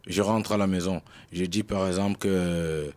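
Man, low pitch, animated, radio interview guest. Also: normal speed. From Cameroon. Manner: animated, explains with street-slang examples. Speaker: guest rap artist. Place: radio studio.

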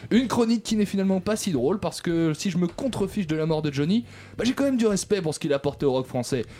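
A man delivering a sarcastic comic column on a radio panel show, mocking and quick. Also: sits high, lively intonation, mellow.

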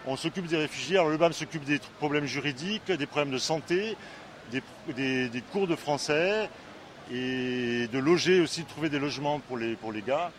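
Guy telling his story outdoors, halting and earnest, street noise and traffic behind. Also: on the high side. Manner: earnest, hesitant, many restarts. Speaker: volunteer French teacher. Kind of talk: personal testimony. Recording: noisy street recording.

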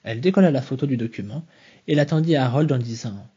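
A man reads a novel aloud in a soft, measured voice. His tone is dark and very husky. The home recording sounds slightly dull. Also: medium pitch. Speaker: reader.

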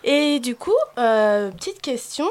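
Woman, radio interviewer, enthusiastic, slightly high pitch. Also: takes it slowly. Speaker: radio host.

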